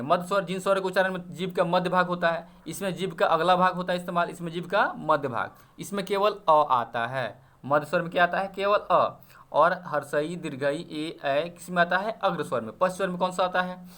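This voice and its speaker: A man's voice: high-pitched, brisk, bright, forceful tone. A man teaching an exam-prep grammar lesson, explaining step by step and checking often that students follow. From Bihar.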